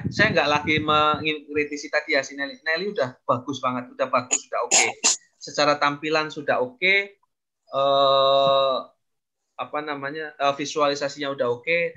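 A man giving casual public speaking advice in a webinar, explaining with frequent fillers and pauses. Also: mid-range voice, sharp tone. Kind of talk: webinar coaching talk. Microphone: video call. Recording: dull lo-fi video call audio.

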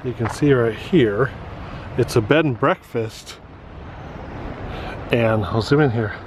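A man's voice: medium pitch, slow pace, background noise. Chatty vlogger man outdoors. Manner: easygoing, chatty, with many uh fillers. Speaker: travel vlogger. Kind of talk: casual vlog narration. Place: outdoors on a coastal trail and inside a car.

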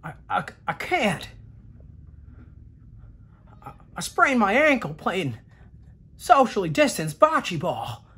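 A man's voice: high-pitched, big pitch swings, slow, long pauses, fairly bright tone, slight background noise, full character voice. An actor playing a jittery, paranoid man who stammers frantically while spying on his neighbor, in a comedy sketch. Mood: pleading.

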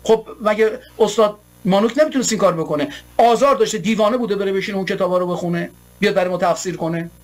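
Man, from Iran, host, very high voice, impassioned, repetitive rhetorical monologue. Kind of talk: political commentary monologue.

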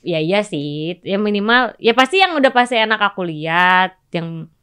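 A young woman from Indonesia, a podcast guest, answering in a relaxed, hesitant way with frequent giggles. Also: mid-range voice, moderate pace, clear, resonant tone. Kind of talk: casual interview chat.

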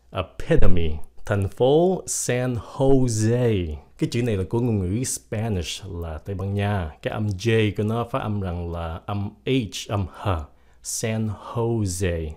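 A man teaching English pronunciation, explaining word stress and slowly modelling each example word. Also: fairly low pitch, dark tone. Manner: slow, careful modelling of example words.

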